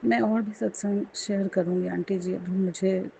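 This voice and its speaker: A woman shares a devotional testimony for the first time, speaking slowly and earnestly, then softly chanting a prayer. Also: mid-range voice, steady tone, gravelly, slight background noise, rough recording. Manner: slow, earnest, ending in soft chanting.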